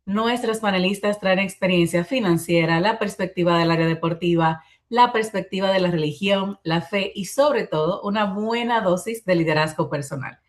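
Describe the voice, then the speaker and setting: A woman's voice: medium pitch, moderate pace, few pauses. A woman moderating an online panel, introducing speakers and guiding questions fluently. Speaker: webinar moderator. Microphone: video call.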